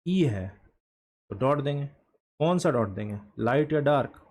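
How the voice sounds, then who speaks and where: A man teaching a shorthand lesson in a classroom style, asking questions and answering them himself, repeating words slowly for emphasis. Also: mid-range voice, lively intonation, darkish tone.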